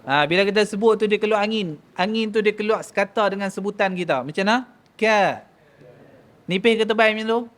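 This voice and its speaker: A man's voice: high-pitched, fairly quick, a bit bright. A man from Malaysia, teaching Quran pronunciation in a mosque class and drilling each sound by contrasting the wrong and right way. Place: mosque hall.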